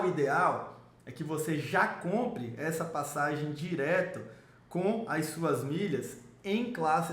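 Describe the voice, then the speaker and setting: A man from Salvador, giving an enthusiastic, salesy explainer on travel rewards and speaking straight to the viewer. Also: a bit bright. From Salvador, Brazil. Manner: enthusiastic salesy pitch, addresses viewer directly. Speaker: miles and travel rewards coach. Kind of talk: promotional explainer video. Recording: roomy echo.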